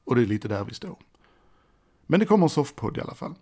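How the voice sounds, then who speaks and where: A man's voice: medium pitch, sing-song, vocal fry, warm tone, breathy edge. A middle-aged man hosting a solo podcast, chatty and rambling, often restarting his sentences. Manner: rambling, self-deprecating, chatty with many restarts. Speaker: podcast host. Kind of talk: casual solo podcast monologue. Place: indoors at a desk. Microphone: desk microphone by a computer.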